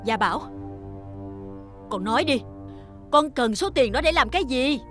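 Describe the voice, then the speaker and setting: A shrill, scolding rich mother. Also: lively intonation, normal speed, fairly bright tone, soft background music. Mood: shocked. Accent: Southern Vietnamese. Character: wealthy mother, doting to her son, harsh to his friend. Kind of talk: TV drama acting.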